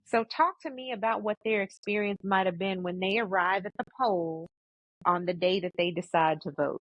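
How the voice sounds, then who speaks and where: A woman in a conversational family interview, speaking emphatically and repeating phrases, on low-bitrate audio. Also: moderate pace, no echo, dull audio. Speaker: interviewer, daughter questioning her father.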